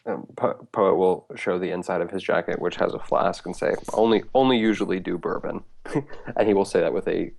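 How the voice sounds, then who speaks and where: Low, gravelly male player, rambling and unsure of himself, call mic. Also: normal speed, darkish tone. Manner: rambling and self-deprecating, many fillers and laughs. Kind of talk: casual tabletop game chat.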